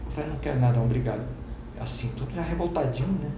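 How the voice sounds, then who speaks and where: Animated storytelling man in a roomy hall. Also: fairly high pitch, racing. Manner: lively storyteller acting out dialogue, slangy. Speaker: pastor and teacher. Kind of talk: testimony told to a class. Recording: roomy hall with background noise.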